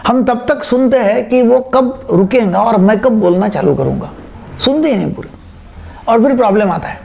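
A middle-aged man talks through his points like a friendly doctor addressing viewers. His voice sits high and carries a rough, gravelly edge. He leans on everyday examples to make each point land. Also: animated, normal speed, a little mellow. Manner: conversational explaining, with homely jokes and examples. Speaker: doctor giving a talk. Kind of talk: informal lecture to camera.

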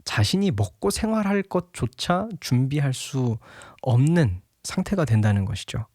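Lively chatty man giving a Bible talk. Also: mid-range voice, normal speed, dry recording, studio quality. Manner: chatty, laughing often, acts out a scolding father. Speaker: devotional Bible teacher. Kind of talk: casual devotional talk.

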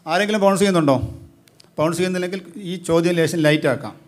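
A man hosting a live quiz as quizmaster, briskly prodding the teams and questioning their answers. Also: high-pitched.

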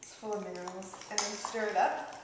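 A woman's voice: mid-range voice, steady tone, a little fast. A woman in her thirties hosting a casual home cooking video, chatty and giggly, filmed on a camera mic in a large home kitchen. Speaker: cooking vlog host. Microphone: camera mic across the room. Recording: echoey kitchen with hiss.

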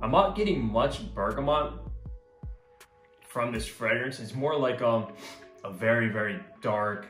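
A man's voice: medium pitch, measured pace, long pauses, a bit bright. A man casually reviewing a fragrance with enthusiasm, often stressing words by repeating "very, very". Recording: echoey room with faint guitar music. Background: faint guitar music.

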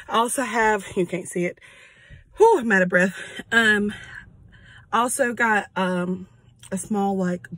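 A woman's voice: medium pitch, a bit bright, a little hiss or hum. A young adult woman, a kindergarten teacher, chatting casually to her camera in a rambling way with lots of ums and restarts. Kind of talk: casual vlog chat.

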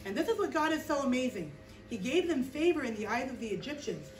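A middle-aged woman teaching children in a small indoor classroom, telling a Bible story with lively acting and frequent "okay?" check-ins. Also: high-pitched, quick pace, faint music behind. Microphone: far camera, no visible mic. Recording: roomy echo, distant camera.

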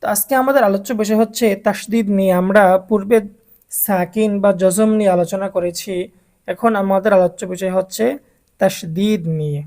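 A woman teaching Quran letter pronunciation in a step-by-step lesson with a Bangladeshi Bengali accent, slowly drilling sounds for learners to repeat. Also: mid-range voice, steady tone, warm tone.

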